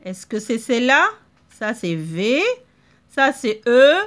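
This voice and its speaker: A woman teaching a reading lesson to young children, stretching out words slowly and checking in often. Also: on the high side, animated. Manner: slow, drawn-out word modeling with frequent checks.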